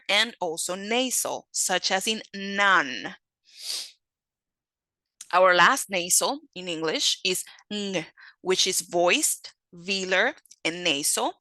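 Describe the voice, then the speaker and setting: Woman lecturer with a bright voice, unhurried and methodical, teaching phonetics with a dry close sound. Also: mid-range voice, dry recording, rough recording. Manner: slow, methodical, repeats example words.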